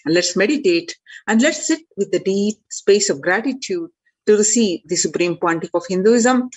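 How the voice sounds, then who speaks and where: A woman presenter giving a scripted announcement and then leading a guided meditation in a slow, measured, reverent way. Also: lowish voice, low-quality recording.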